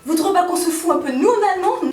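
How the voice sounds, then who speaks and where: A woman's voice: very high voice, animated, rapid-fire, background noise. A teenage girl from France talking in a sarcastic, playful, slangy comic vlog monologue. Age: teens. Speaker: vlogger. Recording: roomy, from a distance.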